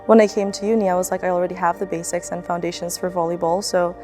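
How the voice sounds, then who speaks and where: A woman's voice: on the low side, fairly even intonation, quick pace, dark tone, soft background music. A young woman student athlete from the Philippines, speaking in a casual, reflective documentary interview with fillers and restarts. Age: young adult.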